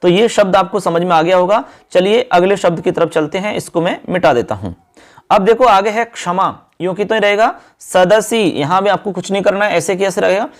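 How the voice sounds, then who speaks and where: Male teacher, high voice, exam-focused lesson, slow verse chanting. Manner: addresses viewers as friends and children.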